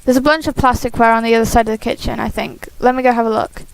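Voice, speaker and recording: High, clear-voiced woman reading a game aloud. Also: steady tone, fast, no echo, poor audio. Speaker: host of a game playthrough series. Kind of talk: expressive visual novel read-aloud with casual asides.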